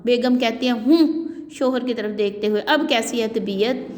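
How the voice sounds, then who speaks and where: A woman's voice: a little high, a little mellow, slight background noise. A woman teacher reading a play aloud for a class, explaining each scene and acting out the characters' lines. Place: classroom or school room. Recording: echoey room with long reverb.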